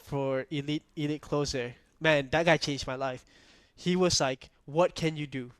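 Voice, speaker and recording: A young man from Malaysia, hosting a podcast, telling a story in a relaxed way and asking "right?" often. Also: fairly high pitch, measured pace, clear, resonant tone, dry recording. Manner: storytelling, laid-back, peppered with "like" and "right?". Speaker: podcast host. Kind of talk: casual podcast chat.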